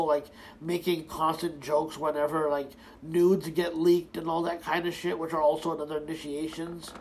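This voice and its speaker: Profane ranting young man, gravelly voice. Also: on the high side, slight background noise, rough recording. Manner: profane, rambling, many restarts and fillers; heated, sarcastic. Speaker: online commentator. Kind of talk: ranting casual monologue.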